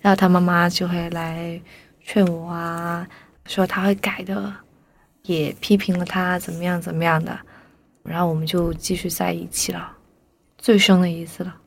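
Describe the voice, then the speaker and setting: A young woman telling a personal story as a podcast guest, lively and animated, briefly voicing the people she quotes. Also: fairly low pitch, normal speed, a little hiss or hum.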